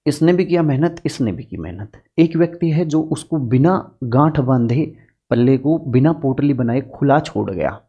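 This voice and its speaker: A man's voice: mid-range voice, dark tone, breathy edge, muffled recording. A man teaching political science exam strategy in an earnest, direct lecture, using homely farm examples to make his points.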